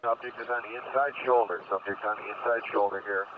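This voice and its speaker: A man's voice: lowish voice, fairly even intonation, fast. Man calling a chase on police radio. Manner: terse running updates on location. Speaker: police officer tracking a pursuit. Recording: tinny police radio with faint static.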